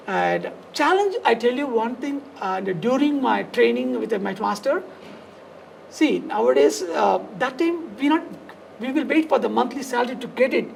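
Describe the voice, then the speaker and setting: A man with a South Indian accent and a gravelly, creaky voice, telling his story conversationally in loose, fragmented, repetitive phrases. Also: very high voice, normal speed, slight background noise, poor audio. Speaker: dance studio founder and teacher, podcast guest.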